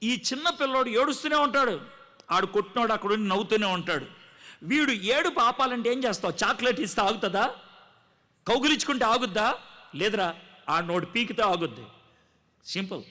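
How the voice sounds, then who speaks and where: A man's voice: high-pitched, expressive, a little fast, pauses often, sharp tone. A man preaching a testimony sermon to a live gathering, telling his story dramatically and acting out the dialogue. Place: live gathering before a congregation.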